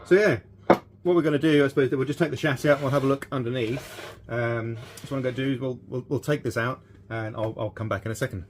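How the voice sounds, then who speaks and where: Speaking quickly in a steady, medium-pitched voice, this man in his fifties is a British vintage radio repairer doing a hands-on demonstration for a video. He talks casually and thinks out loud in a small, cluttered indoor electronics workshop, with noticeable background ambience.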